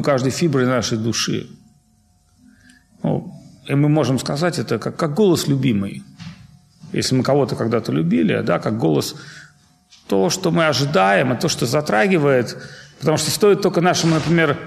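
A man's voice: medium pitch, vocal fry. A man giving an informal spiritual lecture, talking loosely and digressively with many fillers and self-corrections.

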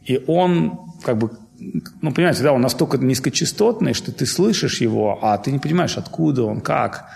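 Man, spiritual lecturer, very gravelly fry, mid pitch, rambling informal delivery, lots of fillers. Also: lively intonation, moderate pace, a little mellow. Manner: loose and digressive, full of fillers and self-corrections.

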